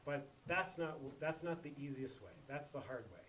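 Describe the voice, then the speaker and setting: Man, math teacher, slightly high voice, classroom lesson, roomy and distant sound. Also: animated, moderate pace, fairly bright tone, a little hiss or hum. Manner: repeats key points with emphatic checks. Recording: echoey classroom from far off.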